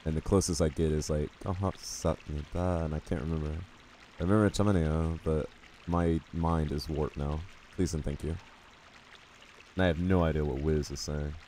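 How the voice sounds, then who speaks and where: A bass voice with a dark tone belongs to an American streamer who chats loosely with his audience as he plays. He rambles, pokes fun at himself, and reads the chat aloud, and a little hiss or hum runs underneath.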